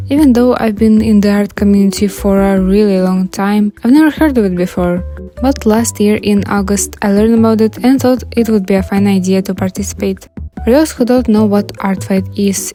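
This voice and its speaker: A woman's voice: mid-range voice, warm tone. A young adult woman with a Russian accent, giving casual scripted commentary as the host of an art channel. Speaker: YouTube artist and channel host. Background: background music.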